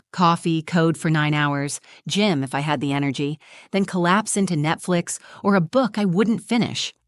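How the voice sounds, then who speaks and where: A woman tells a first-person story in a measured, reflective voice, leaning on short dramatic phrases. Her voice sits on the low side. The recording is dry and close, with no room sound. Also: no room sound. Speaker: narrator.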